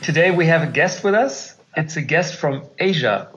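A man co-hosts a podcast from an online call, so his audio sounds dull and lo-fi. His voice sits a bit high, and he speaks hesitantly, with fillers. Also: animated, moderate pace, music in the background. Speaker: podcast co-host. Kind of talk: casual interview.

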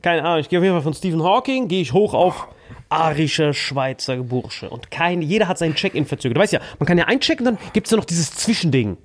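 A man's voice: on the high side, expressive, fast talker. A man, co-hosting a podcast, telling a crude comic story in slang and acting out other people's lines in mock voices. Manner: crude slang-heavy banter. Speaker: podcast co-host. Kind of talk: animated comedic storytelling.

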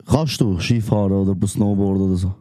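A male podcast host with a Swiss German accent chats in slang and drops quick reactions. His voice is low-pitched and very dark. The sound is dry and close. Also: fairly even intonation, no echo. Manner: slangy, reacts with short asides. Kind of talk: casual chat.

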